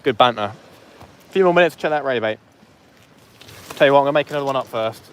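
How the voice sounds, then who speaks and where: A man with a mid-range voice hosts a live fishing stream outdoors on a beach, talking quickly through a phone mic with a bit of hiss or hum. He jokes, chats and banters with viewers in casual live commentary.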